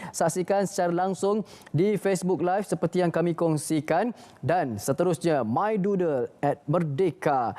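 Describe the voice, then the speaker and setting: Mellow-voiced Malaysian man hosting TV. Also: on the high side. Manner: polite, formal announcer delivery. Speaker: TV talk show host. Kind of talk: formal broadcast hosting.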